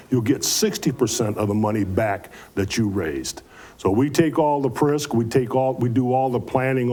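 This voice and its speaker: Mellow-voiced man explaining a community event. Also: medium pitch. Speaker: interviewed community club event organizer. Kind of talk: conversational interview answers.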